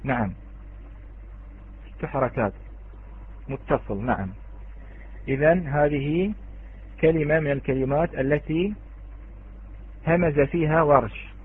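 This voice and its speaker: A man's voice: fairly high pitch, slow, long pauses, breathy edge. A man teaching an online Quran recitation lesson, patiently quizzing students and chanting the example words. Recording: tinny phone-like online audio.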